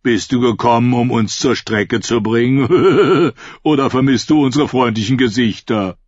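A sneering, rough outlaw, played by a male reader, taunts in a raised, husky voice that sits a little above the reader's own. The recording is dull and dry. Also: mid-range voice, unhurried, no room sound, lightly acted. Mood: mocking. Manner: mocking, taunting.

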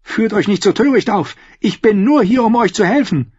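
Ein Mann liest in einem Hörbuch eine intrigante Königinmutter, gefasst und herablassend. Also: male voice, sits high, expressive, normal speed, darkish tone, no echo, lo-fi sound, pitched above the performer's own voice. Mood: condescending. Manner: smooth, condescending. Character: scheming older queen mother, coolly composed. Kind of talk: audiobook dialogue.

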